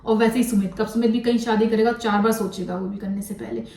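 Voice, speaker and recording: A woman's voice: medium pitch, fairly even intonation, fast talker, mellow, recorded from a distance. A woman giving blunt, scolding commentary in a vlog, mixing English words into her talk. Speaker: commentary vlogger. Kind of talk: critical commentary on a controversy. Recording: echoey room, voice from off-mic.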